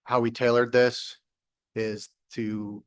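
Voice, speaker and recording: A man's voice: mid-range voice, flat delivery, slow pace. A man on city staff patiently explaining an ordinance at a public council meeting, with some ums. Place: council chamber.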